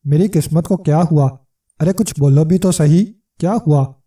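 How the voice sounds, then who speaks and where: A man's voice: on the high side, warm tone, distant mic, natural voice. A man doing Chand Sitara, a huge domineering wife. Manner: bossy and snarling.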